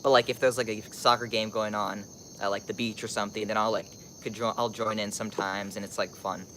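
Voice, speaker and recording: A man's voice: on the low side, little pitch movement, fairly quick, fairly bright tone, slight background noise. A teenage young man from Costa Rica chats casually as a live-streaming vlogger, rambling and thinking aloud with lots of filler "like"s.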